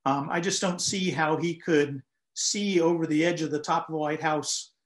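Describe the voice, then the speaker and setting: An older man, a lighthouse historian appearing as a guest, gives a conversational account of history over a video call from a room in his home. His voice is on the high side with fairly even intonation. He's measured and explanatory, often saying "um" and "uh."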